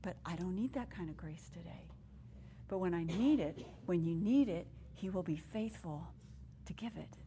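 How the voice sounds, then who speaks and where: A woman's voice: on the low side, moderate pace, slight background noise. Earnest woman preaching to women. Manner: earnest, emotional, swings from hushed to excited. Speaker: women's conference speaker. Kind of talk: sermon with personal story.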